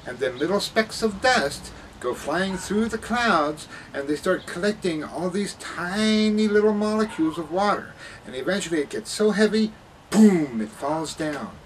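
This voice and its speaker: A man's voice: high voice, expressive, normal speed. A man playing a cheerful, careless science professor in a spoof 1950s kids' TV broadcast, explaining things in a folksy, rambling way. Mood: chipper, instructive. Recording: distant mic with room noise.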